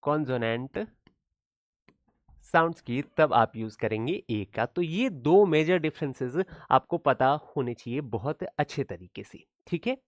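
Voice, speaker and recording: A man's voice: mid-range voice, animated, measured pace, hardly any pauses, dry recording, clean studio sound. A man teaching an exam-prep class. He keeps asking check questions and acts out his students' replies. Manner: addresses students as brother, asks frequent check questions.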